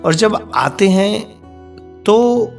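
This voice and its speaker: A man's voice: high-pitched, expressive, extremely slow, creaky, soft background music. A man narrating a folk tale in a repetitive, homespun storytelling manner.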